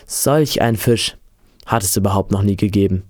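A man's voice: on the low side, moderate pace, a little mellow, dry recording, clean studio sound, close to an everyday voice. A man doing a chatty beach-café owner.

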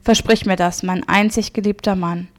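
A woman voices a gentle, loving wife on her deathbed in a storybook reading. She speaks softly and earnestly, with a weary, middling-pitched voice. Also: fairly even intonation, normal speed, close to an everyday voice. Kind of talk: audiobook reading.

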